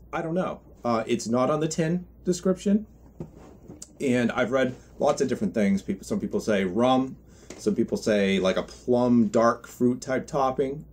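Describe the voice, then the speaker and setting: A man giving an unscripted product review in a halting, reflective way, often correcting himself as he goes. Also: medium pitch, darkish tone, a little hiss or hum. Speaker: pipe tobacco reviewer.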